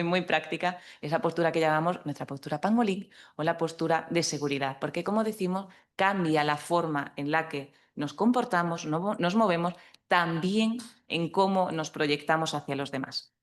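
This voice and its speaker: A woman from as a communication trainer, giving a practical, lively talk that speaks directly to an audience in a conference hall. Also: fairly low pitch. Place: conference hall at a law association.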